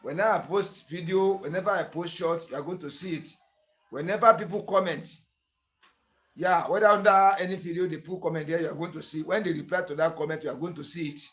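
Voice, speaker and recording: Nigerian-accented male host, slightly high voice, earnest, repetitive tutorial delivery. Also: steady tone, brisk, fairly bright tone. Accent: Nigerian English. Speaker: clipper-blade sharpening tutor and channel host. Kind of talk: tutorial narration.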